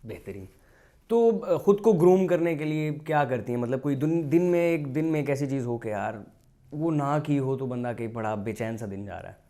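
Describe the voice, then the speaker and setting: A man's voice: mid-range voice, lively intonation, moderate pace, mellow. A man hosting a podcast who asks questions, rephrases the guest's answers and readily agrees with her in casual chat. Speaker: podcast host.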